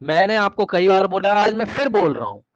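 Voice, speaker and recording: High-voiced man teaching an online class. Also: no room sound. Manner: energetic, repeats words rapidly to prod students; coaxing questions to the class. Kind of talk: live online class lecture. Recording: dull, dry online-class audio.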